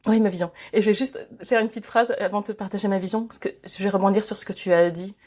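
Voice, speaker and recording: A woman's voice: mid-range voice, fairly even intonation, fast, a little mellow. A woman from France, a guest in a conversational interview, thinking aloud with many fillers, restarts and frequent laughs. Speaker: guest, author and speaker.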